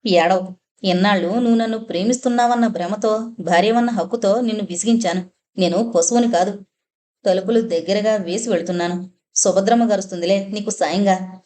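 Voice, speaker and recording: A woman's voice: medium pitch, fairly quick, dark tone, close to an everyday voice. A woman voicing a lovesick, hurt young man in an audiobook novel, speaking with ardent urgency.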